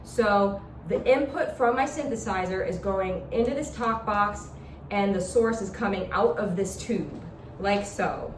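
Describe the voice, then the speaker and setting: A woman, medium in pitch and speaking a little slowly, teaches a talk box demonstration in an informal lecture, going step by step. Background noise and echo come through the distant microphone.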